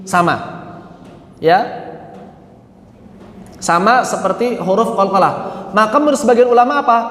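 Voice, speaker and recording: A high-pitched man teaching recitation at an unhurried pace. He chants each example slowly, then follows it with brief corrections. His voice rings in a reverberant room. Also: a bit bright. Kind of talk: tajwid lesson with recited examples. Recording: echoey room with long reverb.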